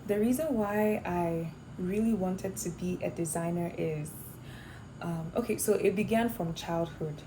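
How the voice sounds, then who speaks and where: A woman's voice: fairly low pitch, a little slow, background noise. A young woman from Ghana, a fashion design student, answering interview questions thoughtfully with some fillers and restarts. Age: young adult.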